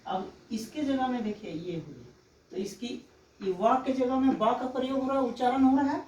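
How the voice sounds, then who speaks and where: A woman teacher giving a slow, explanatory exam-prep lecture, often pausing to check that students follow. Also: high-pitched, a little mellow, a little hiss or hum. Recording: echoey room, mic far off.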